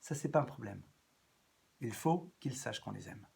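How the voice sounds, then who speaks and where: A man giving an evening lecture as a rabbi, animated, swinging between loud rises and soft drops and repeating phrases as he thinks. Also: medium pitch, normal speed, gravelly. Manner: repeats and restarts phrases as he talks.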